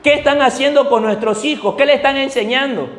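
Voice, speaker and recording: A male pastor with a Bolivian Spanish accent preaching a fervent sermon, firing rhetorical questions and rising to shouts. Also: very high voice, brisk, reverberant.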